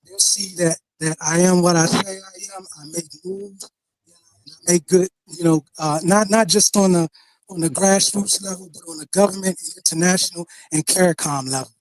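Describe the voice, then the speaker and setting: A man's voice: high voice, steady tone, moderate pace, no echo, rough recording. A man arguing in a heated call-in debate, his call audio choppy and breaking up as it cuts in and out, often asking whether you understand. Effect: choppy call audio breaking up and cutting out. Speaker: guest on a call-in debate stream.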